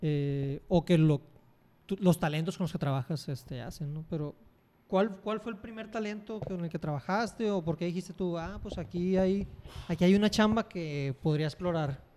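Host masculino mexicano, tono algo agudo y timbre suave, charla relajada con muletillas. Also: male voice, high voice, normal speed. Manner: relaxed, slangy, many fillers. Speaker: podcast host. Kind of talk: casual conversational interview.

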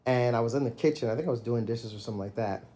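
A middle-aged man in casual conversation, reflecting on fatherhood and telling stories, getting animated when he quotes himself. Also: mid-range voice, very fast. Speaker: podcast co-host.

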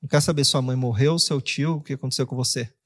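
A Brazilian man preaching a sermon as pastor, animated, acting out quoted voices with jokes along the way. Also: mid-range voice, fast. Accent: Brazilian Portuguese. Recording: long hall reverb.

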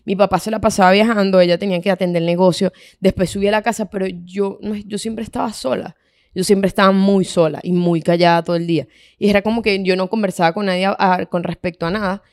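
A woman's voice: mid-range voice, fairly even intonation, quick pace, a little mellow, dry recording, studio quality. A young woman with a Venezuelan accent co-hosting a casual podcast, talking candidly with lots of slang. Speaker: podcast co-host. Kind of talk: casual chat.

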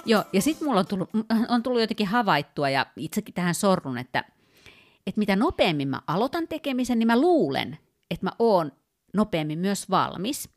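A woman's voice: mid-range voice, sing-song, faint music behind. A woman co-hosting a casual talk, explaining ideas step by step with many fillers and small restarts. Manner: thoughtful, with frequent fillers and restarts; explanatory, walks through work examples. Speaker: podcast co-host. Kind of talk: casual conversational podcast.

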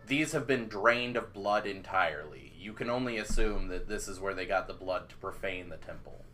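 A man narrating as game master of a tabletop role-playing game, describing scenes in a measured, drawn-out way. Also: deep voice, sharp tone, slight background noise.

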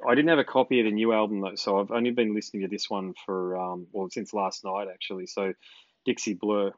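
An Australian man with a fairly low voice conducts a casual interview in a matey, tradesman-like way. The sound is slightly muffled and dry. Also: steady tone, fairly quick, no room sound.

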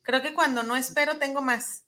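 A woman's voice: high-pitched, fairly even intonation, a little fast, bright, forceful tone. A woman from Mexico co-hosting a casual talk show, playful and laughing often. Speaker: co-host. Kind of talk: casual chat.

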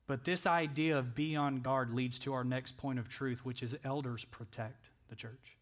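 A man's voice: mid-range voice, fairly even intonation, normal speed. Earnest male pastor preaching a sermon. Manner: earnest, conversational preaching that builds to emphatic peaks. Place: church sanctuary.

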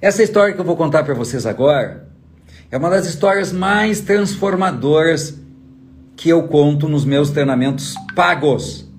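A man with a fairly high, animated voice delivers an emphatic motivational talk as a trainer, at a moderate pace. He fires rhetorical questions at the listener while faint guitar music plays behind him.

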